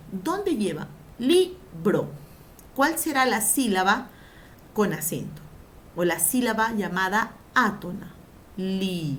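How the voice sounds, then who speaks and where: A woman teacher with a mid-range voice gives a grammar lesson, drawing out syllables for emphasis. She poses questions to the class and then answers them herself, with slight background noise behind her.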